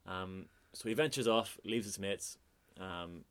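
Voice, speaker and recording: Relaxed, rambling musician, low voice. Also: male voice, a little slow, smooth. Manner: relaxed, hesitant, many fillers. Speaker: musician guest. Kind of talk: casual interview chat.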